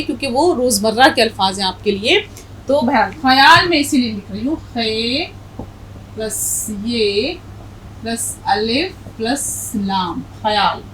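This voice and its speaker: Teacher: woman, measured and precise, spells words out patiently, slightly high voice. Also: a bit bright, a little hiss or hum, poor audio. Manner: slow, clear, spells out letters deliberately. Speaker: Urdu teacher. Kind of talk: language lesson with story reading.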